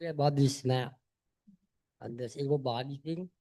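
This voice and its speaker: A man's voice: medium pitch, measured pace, mellow. Insistent man in his fifties. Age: 50s. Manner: insistent, emphatic, repeats himself. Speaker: audience member asking a question. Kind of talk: public Q&A question.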